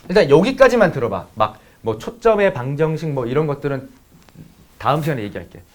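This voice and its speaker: Animated swearing male math teacher. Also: on the high side, moderate pace, pauses often, noisy background. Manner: blunt, swears freely, talks straight to students. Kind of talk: lecture with casual storytelling.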